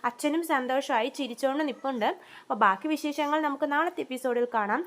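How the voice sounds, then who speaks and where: A woman's voice: sits high, fast, slight background noise. A woman, casually recapping a TV serial episode in a chatty storytelling way, with frequent "aa" fillers.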